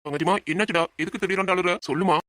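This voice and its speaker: A man's voice: high voice, racing, fairly bright tone, no echo. A man voicing an earnest, protective young man who comforts his cousin. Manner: reassuring, firm.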